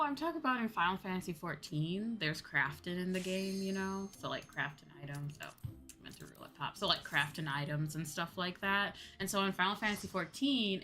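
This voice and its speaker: A woman with a fairly low pitch and sharp tone livestreams and hosts while she plays. She chats casually with her viewers. She's informal and rambling and frequently repeats herself.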